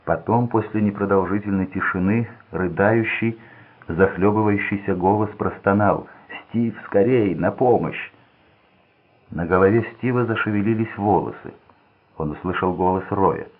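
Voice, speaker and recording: Deep, husky male audiobook narrator. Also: normal speed. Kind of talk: scripted narration of a thriller. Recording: tinny phone-like sound.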